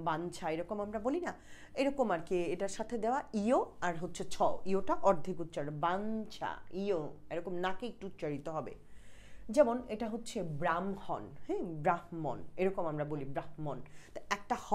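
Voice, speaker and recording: A woman's voice: mid-range voice, darkish tone. A woman with a Bangladeshi Bengali accent teaching an exam-prep grammar lesson, explaining patiently, repeating points and asking checking questions.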